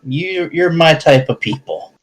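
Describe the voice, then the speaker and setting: A man's voice: on the high side, animated, measured pace, voice pushed up. A man voicing a roguish character who relishes a good break-in, amused and approving, in a tabletop game.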